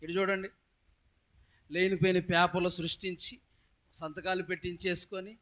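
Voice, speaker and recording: A pastor delivers a sermon in a high voice, raising it in loud emphatic calls. He keeps asking his congregation questions as he preaches. The delivery stays forceful throughout. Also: little pitch movement, normal speed.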